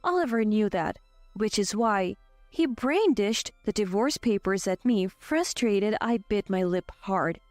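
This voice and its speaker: A woman in her twenties narrating a scripted first-person story with an even, steady delivery. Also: medium pitch, measured pace, dry recording, faint music behind. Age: 20s.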